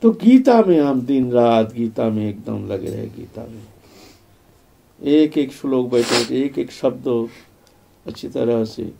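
An older man giving a devotional spiritual discourse, telling his life story in a reflective way with repeated phrases and soft trailing fillers. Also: medium pitch, animated, takes it slowly, gravelly. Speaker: spiritual speaker.

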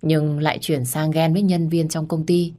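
A woman narrating a first-person audio story in a calm, intimate manner. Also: low-pitched, moderate pace.

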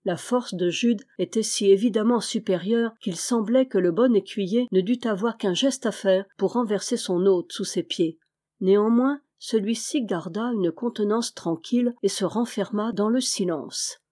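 A woman narrating an adventure novel as an audiobook, steady and clear. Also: medium pitch, normal speed. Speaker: audiobook reader. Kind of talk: scripted narration.

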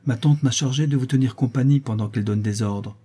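Sincere young girl in an audiobook, man doing her voice, mellow and a bit husky. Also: mid-range voice, fairly quick, close to an everyday voice. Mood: earnest. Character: young woman, earnest, sincere orphan.

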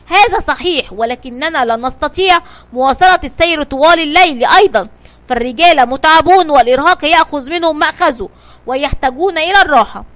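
A nervous male ship's mate questions his captain in a children's storybook, as a woman puts him on. He sounds tense and worried, on a high voice. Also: fast talker, fairly bright tone. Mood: anxious. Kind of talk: storybook reading.

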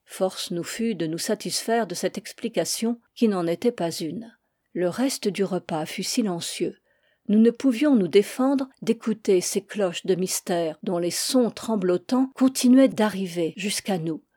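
A woman narrating a literary short story as an audiobook reader, in a measured reading. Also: mid-range voice, warm tone, husky, no room sound, studio quality.

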